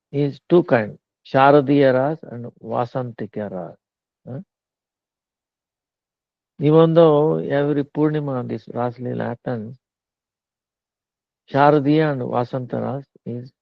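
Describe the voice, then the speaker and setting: Slow gravelly man on a tinny line. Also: mid-range voice, no echo. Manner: slow halting talk with many fillers. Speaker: spiritual teacher. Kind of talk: devotional discourse.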